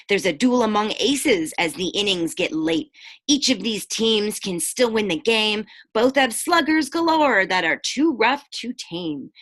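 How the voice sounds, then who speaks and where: A teacher with a bright, mid-pitched voice reads a bedtime picture book to young children, expressive and pitched to their level. She alternates between reading the text and chatty asides that explain things or ask her listeners questions.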